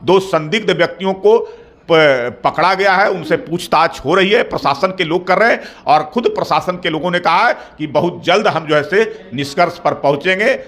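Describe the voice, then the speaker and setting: A middle-aged man, speaking as a party spokesperson in a formal interview, measured and repetitive, building into firm claims. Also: high-pitched, a bit bright. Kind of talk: formal political interview answers.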